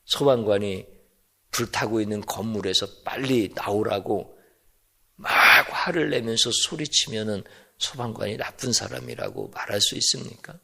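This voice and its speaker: A male pastor delivering a sermon, speaking slowly and emphatically and asking rhetorical questions. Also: lowish voice, vocal fry, sharp tone.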